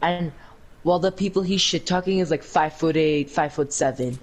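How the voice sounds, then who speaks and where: A teenage boy chiming in as co-host of a storytime vlog, with halting restarts. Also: fairly high pitch, poor audio. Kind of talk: casual storytime.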